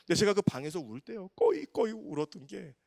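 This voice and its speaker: 빠르게 말하는 열정적인 남자 목사. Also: male voice, high voice, a little fast, creaky, no room sound, studio quality. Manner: animated, emotional storytelling with acted quotes. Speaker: pastor. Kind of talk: storytelling sermon.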